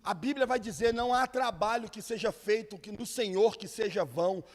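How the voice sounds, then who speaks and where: A man's voice: sits high, moderate pace. A man, a pastor preaching a sermon, telling stories and acting out the people in them. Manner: lively storytelling, acting out quoted people. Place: church hall. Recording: long reverb of a church hall.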